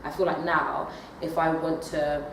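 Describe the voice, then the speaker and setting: A young adult drama student, female, answers an interviewer unhurriedly but hesitantly, with many fillers and restarts. Her voice sits low and keeps a level tone. The distant recording was made in an echoey room with noise.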